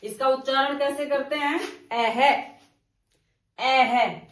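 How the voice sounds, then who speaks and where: A woman teaching a Hindi grammar class, dictating slowly, repeating phrases and asking the class questions. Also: sits high, fairly even intonation, far from the mic. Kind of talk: slow classroom grammar lesson. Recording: roomy, from off-mic.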